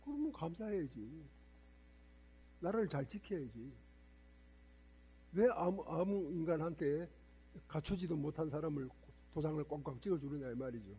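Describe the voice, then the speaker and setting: A man's voice: on the high side, animated, normal speed, long pauses, dark tone, a little hiss or hum. An older man, a Buddhist monk, preaching a sermon to a temple congregation, lecturing and firing rhetorical questions at his listeners.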